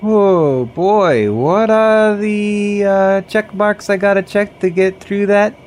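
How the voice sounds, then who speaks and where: A man's voice: high voice, slow, a little mellow, slight background noise. Brief: male player, in-character role-play, wry and dry.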